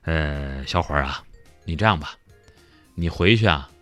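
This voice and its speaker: A weary old monk, put on by a man, speaks in a low, sunken voice that stays bright at the edges. He stammers and drags out his words, slow and evasive. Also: no echo, soft background music.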